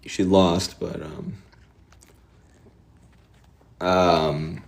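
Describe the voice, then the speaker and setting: A Midwestern American political streamer talks casually on a live stream, rambling, shifting topics fast and staying sardonic. His lowish voice holds a level tone with vocal fry.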